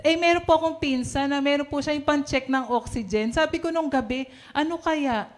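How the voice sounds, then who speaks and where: A woman shares her testimony at a prayer meeting, her voice sitting a little high. She talks cheerfully, laughs often and acts out little quoted scenes. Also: a little fast. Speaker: church member giving testimony.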